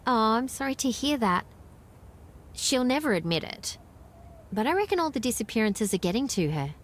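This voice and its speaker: A woman's voice: fairly high pitch, very animated, normal speed. An actress with an Australian accent playing a friendly, knowledgeable small-town woman in video game dialogue, chatty and explanatory. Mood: friendly, earnest.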